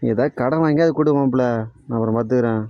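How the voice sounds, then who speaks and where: A man's voice: mid-range voice, quick pace, muffled recording, slight background noise. A young man with a Tamil Nadu village accent in a casual comedy skit, talking in a coaxing, persuasive way.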